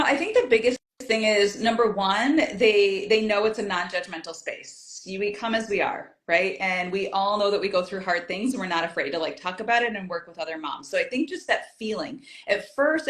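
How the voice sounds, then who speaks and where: Chatty woman telling stories, echoey room. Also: medium pitch. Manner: chatty storyteller, acts out her own past thoughts. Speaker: guest, community group founder. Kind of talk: casual interview chat.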